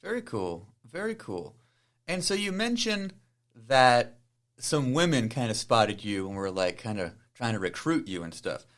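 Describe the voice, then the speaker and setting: A man hosting a podcast interview, asking relaxed, rambling questions full of fillers. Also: mid-range voice, measured pace. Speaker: podcast host. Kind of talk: casual interview.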